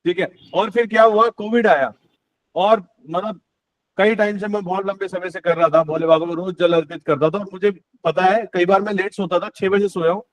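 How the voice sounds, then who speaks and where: A man's voice: high-pitched, steady tone, a little fast, no room sound. A man hosting an online devotional singing session over a video call, chatting casually, encouraging his guests and joking with them. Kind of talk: casual chat.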